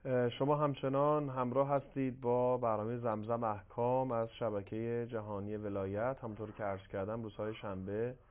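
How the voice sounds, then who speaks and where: A man hosting a live religious call-in program, reading out viewer questions in a measured way with frequent fillers. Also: mid-range voice, level tone. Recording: tinny phone-like broadcast audio.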